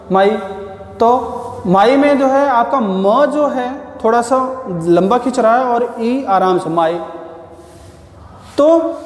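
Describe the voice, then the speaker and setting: A man's voice: high voice, a little mellow. A man lectures like a patient schoolteacher, calling his listeners children. He keeps posing a question and then answering it himself. The room is roomy, with a long reverb trailing after his words. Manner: asks the class questions, then answers them. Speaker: teacher. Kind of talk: classroom-style lecture.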